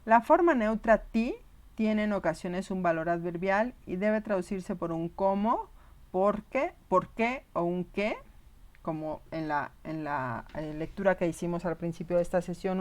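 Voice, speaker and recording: A woman's voice: fairly low pitch, a little slow, darkish tone. A woman giving a recorded online lesson, explaining patiently and often checking whether her students follow. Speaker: teacher.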